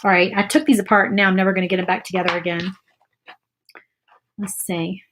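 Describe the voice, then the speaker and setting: A quick, fairly bright mid-range voice with a level tone comes from a Virginia woman in her thirties who has a light Southern accent. As a craft vlogger she paints, reads live comments, and chats warmly while thinking aloud; the close phone or camera adds a little hiss or hum.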